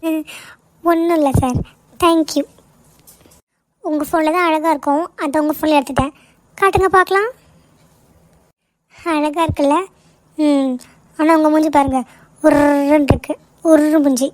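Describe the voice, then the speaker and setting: A woman's voice: high-pitched, steady tone, moderate pace, long pauses, dry recording, natural voice. A woman voicing a young cartoon woman who teases her serious boss while taking his photo. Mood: teasing. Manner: playful, coaxing. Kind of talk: cartoon voice acting.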